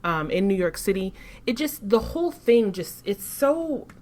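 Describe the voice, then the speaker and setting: A woman co-hosting a podcast in casual discussion, measured and critical, often restarting her sentences. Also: medium pitch, sing-song, darkish tone. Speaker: podcast co-host.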